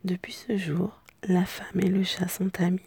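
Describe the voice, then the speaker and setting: A woman with a hoarse, cracking voice telling bedtime stories in a soft, unhurried ASMR whisper. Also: lowish voice, level tone, no room sound. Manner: soft, unhurried, gentle pauses. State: voice broken. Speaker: storyteller.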